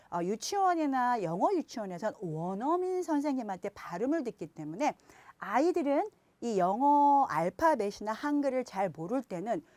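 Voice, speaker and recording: A woman teaching phonics to parents, speaking to viewers directly and slowing down to sound out example words. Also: fairly high pitch, a little mellow, no room sound. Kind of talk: explanatory lesson.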